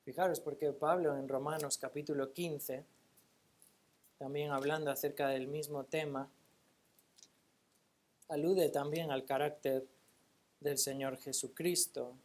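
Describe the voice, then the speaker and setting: A woman preaching a sermon in a church. She stresses points with rhetorical questions and reads scripture aloud slowly. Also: low-pitched, steady tone, darkish tone. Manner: emphatic, asks rhetorical questions and answers them.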